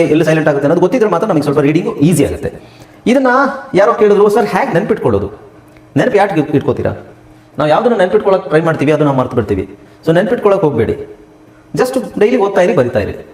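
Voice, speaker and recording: A man teaching an English lesson, explaining letter by letter in a lively, emphatic way. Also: echoey room. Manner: fast sales pitch in the ad. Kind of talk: spoken English lesson with a promo break.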